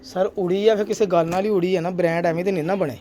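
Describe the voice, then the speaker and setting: Showing off his loft, this pigeon keeper and channel host talks his way past his birds, blessing them often while they coo nearby. His high, warm, steady voice comes fast, and soft music plays in the background.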